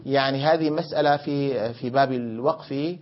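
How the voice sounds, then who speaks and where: A man's voice: medium pitch, moderate pace. A man teaching a grammar lesson, questioning his students and correcting them, explaining by repeating and rephrasing points. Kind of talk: classroom lesson. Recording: dull lo-fi classroom recording.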